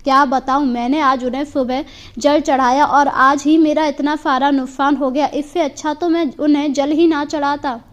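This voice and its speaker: A woman's voice: high voice, fairly even intonation, moderate pace, close to an everyday voice. A woman voicing a greedy, jealous middle-aged male merchant in a storybook tale, talking in a whiny, protesting way. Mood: grumbling. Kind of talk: storybook character voice.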